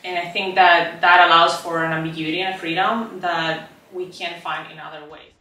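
In a documentary interview, this visual artist, a Chilean woman in her thirties, reflects in a soft-spoken, thoughtful way, using many "like" and "um" fillers. Her fairly low voice stays steady at a moderate pace. The mic sits at a distance in a roomy indoor studio with echo.

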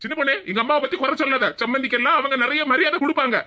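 Woman doing a gentle husband in a cartoon, talks super quick, highish voice, twang. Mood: placating. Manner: placating, soothing. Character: mild-mannered young village husband. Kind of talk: cartoon voice acting.

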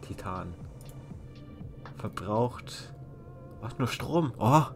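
A man's voice: mid-range voice, animated, drawn-out words, gravelly, music in the background. A young man playing a video game with a friend, answering in short, blunt remarks. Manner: terse, blunt, short replies. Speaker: gamer co-playing. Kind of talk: casual gaming chat.

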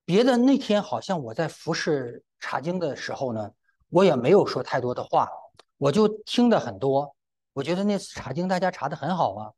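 Man, middle-aged, preacher, sermon, very animated intonation, exclamatory, speaks straight to the congregation. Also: a little high, normal speed. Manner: exclamatory, often breaks in with "wa", addresses the congregation directly. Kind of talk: sermon with personal testimony.

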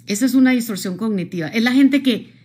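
A Colombian woman with a fairly high, slightly rough voice talks quickly in a live-streamed motivational talk. She speaks expressively and directly to her viewers, checking in with them often through frequent tag questions.

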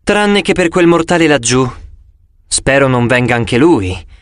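A man's voice: mid-range voice, animated, measured pace, no echo, clean studio sound, close to an everyday voice. A man voicing a cocky, brash male talking pegasus in an audiobook. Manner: brash, streetwise.

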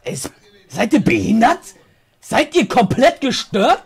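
A man streaming a football video game with a friend, teasing loudly and breaking into shouts and laughter. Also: very high voice, sing-song, a little slow, vocal fry, husky. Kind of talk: casual gaming stream banter.

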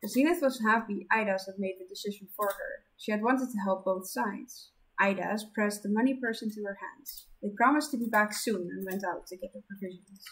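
A woman's voice: medium pitch, normal speed, few pauses, fairly bright tone. A woman reading her own fantasy novel aloud on a live stream, correcting small slips as she goes.

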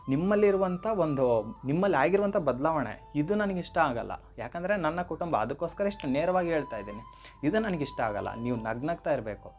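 A man giving an earnest motivational talk straight to his listeners, stressing and repeating his key phrases. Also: on the high side. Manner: earnest, direct address to listeners. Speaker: motivational speaker. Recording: faint background music.

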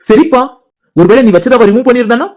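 Cartoon role: a man doing a blunt, irritable young brother, high-pitched, fast. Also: a little mellow. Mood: irritated. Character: protective older brother, short-tempered young man. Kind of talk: cartoon voice acting.

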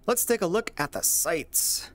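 Playful commentator with very lively pitch. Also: a little slow. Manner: playful, exclaiming, swearing at slips. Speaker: host of a video game weapon showcase. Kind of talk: casual, jokey gameplay commentary.

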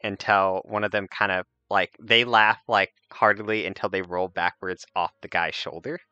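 A man's voice: sits low, steady tone, moderate pace, pushed and bright, dry recording, dull audio. A man working as game master, improvising tabletop game narration in an informal, hesitant way.

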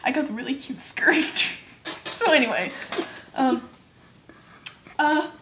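A woman playing a blunt, deadpan female detective being interviewed in an amateur role-play. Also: sits high. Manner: blunt, deadpan, quick comebacks. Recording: roomy home recording with noise.

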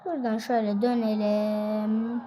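Excitable high-pitched woman narrating gameplay. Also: a little slow, a little hiss or hum. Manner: chatty and excitable, frequent exclamations and laughs. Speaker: gaming video host. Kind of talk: casual gameplay commentary.

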